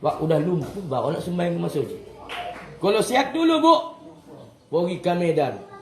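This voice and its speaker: High-voiced man teaching in echoey hall. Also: sing-song, moderate pace, a little hiss or hum. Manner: jokey, chuckling storyteller; corrects himself often mid-sentence. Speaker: religious teacher. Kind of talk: Islamic study-circle lecture to women.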